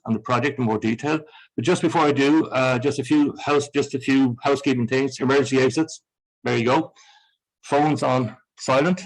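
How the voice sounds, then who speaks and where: A man's voice: medium pitch, rough recording. A man opening an evening talk as chair, introducing the speaker in a chatty way with light humor. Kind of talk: formal event introduction. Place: lecture room with live audience.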